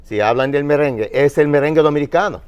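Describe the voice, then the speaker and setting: A man from Finland on a panel, explaining music history in a halting, searching way with many fillers. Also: on the high side, darkish tone, smooth, lo-fi sound. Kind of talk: panel discussion.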